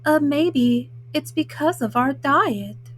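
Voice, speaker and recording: A woman voicing a folksy, self-justifying male wolf in a storybook, haltingly, with frequent uhs. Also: high-pitched, expressive, a little hiss or hum. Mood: self-justifying, matter-of-fact. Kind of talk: storybook read-aloud in first person.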